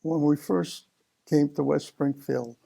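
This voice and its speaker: A man in his seventies, from Italy, telling his life story slowly in an oral history interview, with many pauses and fillers. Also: a little high, steady tone, gravelly, dark tone, slightly rough. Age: 70s. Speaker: interview guest.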